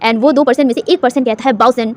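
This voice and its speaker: A woman's voice: high voice, steady tone, fast talker, darkish tone. A woman narrating a romance fan fiction story in a chatty retelling style, mixing in English words and restarting phrases.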